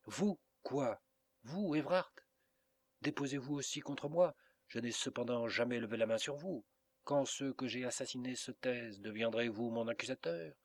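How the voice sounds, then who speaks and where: A man's voice: mid-range voice, normal speed, natural voice. A man reading the part of a guilt-ridden old father who fears judgment, in a somber, despairing voice. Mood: anguished.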